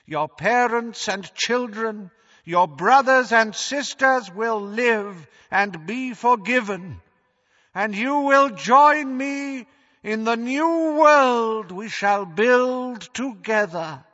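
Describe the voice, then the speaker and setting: Cold dark wizard, high strained voice, slow drawn-out commands, dull dry sound. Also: male voice, expressive, big-room sound, full character voice. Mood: menacing. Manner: slow, loud, drawn-out proclamations. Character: cold, menacing dark wizard man, triumphant.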